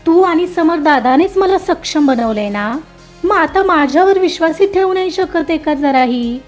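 A woman's voice: very high-pitched, expressive, moderate pace, faint music behind, pitched above the performer's own voice. A woman voicing a hurt young woman who speaks tearfully and pleads.

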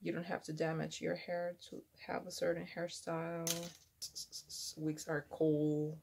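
A woman's voice: sits low, monotone, a little slow, creaky, noisy background. A young woman at home rambling through a casual behind-the-scenes vlog as she does her hair and makeup, laughing at herself in a self-deprecating way. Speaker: vlogger.

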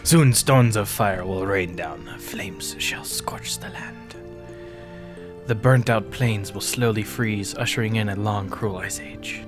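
A man voicing a menacing reptile villain from a video game, in a slow, theatrical manner. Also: on the low side, over music. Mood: slow theatrical menace. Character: menacing reptile villain foretelling fiery doom.

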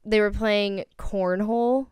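A woman's voice: mid-range voice, fairly even intonation, slow pace, darkish tone, clear, resonant tone, no echo. A young woman from the Chicago area, chatting casually as a podcast guest, giggly and drawing out her vowels. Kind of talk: casual chat.

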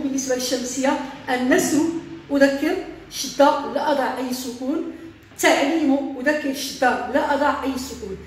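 A woman teacher giving a primary school dictation lesson. She speaks slowly and repeats words syllable by syllable. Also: sits high, slight background noise. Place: classroom. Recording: very echoey room.

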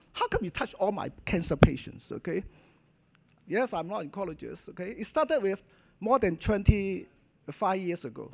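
A man's voice: sits high, vocal fry. A middle-aged man with a Hong Kong Cantonese accent giving an informal conference talk as a doctor, emphatic, in short choppy phrases ending in little check-in tags. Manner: choppy short phrases with frequent "okay?" and "you know" tags. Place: hotel function hall, at a podium.

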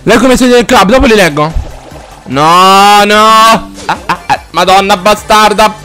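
A man streaming a game live, chatting casually and swearing freely at his viewers, with loud exaggerated outbursts. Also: high voice, a little slow, smooth, soft background music. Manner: rambling and profane, chatting to viewers.

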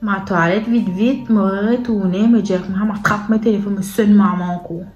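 Woman, Mauritian Creole accent, storytime vlog, halting and repetitive, echoey room, faint music underneath. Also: mid-range voice, fairly even intonation, darkish tone, muffled recording. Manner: halting, repetitive retelling with frequent pauses. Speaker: vlogger telling a personal story. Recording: roomy echo with faint background music. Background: faint sad music.

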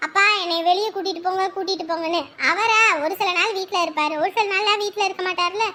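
Woman acting a grandmother, very high voice, chatty, doting, family drama. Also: steady tone, quick pace, pushed and bright, a little hiss or hum. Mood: fond, gossiping. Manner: chatty, reminiscing.

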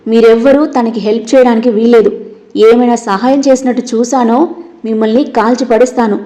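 A woman's voice: fairly high pitch, fairly even intonation, brisk, warm tone, lightly acted. [name], a woman reading as a domineering grandmother. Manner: commanding, scolding. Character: domineering old grandmother, harsh and proud.

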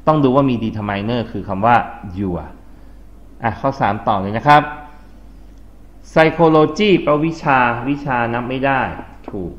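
A man with a Thai accent teaching an English grammar lesson to a class, explaining step by step, spelling out words letter by letter and quizzing his students. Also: mid-range voice. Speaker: English tutor. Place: tutoring classroom. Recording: dull lo-fi classroom recording with faint hiss.

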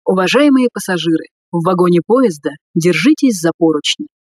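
Low-pitched woman making formal subway announcements. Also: lively intonation, husky, no room sound. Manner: formal, measured delivery.

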